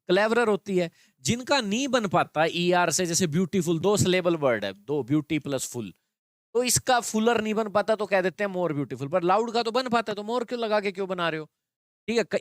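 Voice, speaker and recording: A man's voice: high voice, no echo, clean studio sound. A man teaching an English grammar lesson, explaining in Hindi with English terms and checking in with students often.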